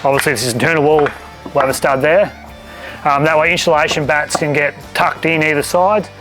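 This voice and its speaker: A man's voice: fairly high pitch, fairly even intonation, a little fast, fairly bright tone, soft background music, poor audio. An Australian man, a builder, explaining things casually and practically as he presents a site walkthrough. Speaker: builder co-hosting a home-building show.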